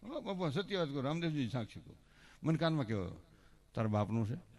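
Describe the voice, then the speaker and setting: A man's voice: fairly high pitch, sing-song, racing, a little mellow, a little hiss or hum. A middle-aged man with a Kathiawadi Gujarati accent telling folksy comic stories on stage at a religious festival, speaking into a stage microphone and acting out the villagers he quotes. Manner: folksy, addresses the crowd as elders, acts out quoted villagers. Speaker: folk stage performer and joke-teller. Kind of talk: live stage comedy storytelling. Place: religious festival pavilion before a crowd. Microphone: stage microphone on a stand.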